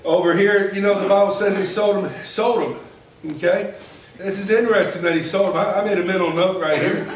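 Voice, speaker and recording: A man in his forties preaching a sermon from a pulpit in a folksy, animated way that builds to a shout. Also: sits high, fairly quick. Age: 40s. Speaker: pastor. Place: church sanctuary, at a pulpit. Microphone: far camera at the back of the room. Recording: echoey church from far off, faint hiss.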